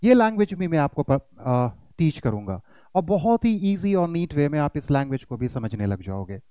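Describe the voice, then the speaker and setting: A man's voice: on the high side, sing-song, moderate pace, warm tone, clear, resonant tone, no echo, rough recording. A man teaching pronunciation in an online lesson, addressing his students as kids and demonstrating rising and falling intonation.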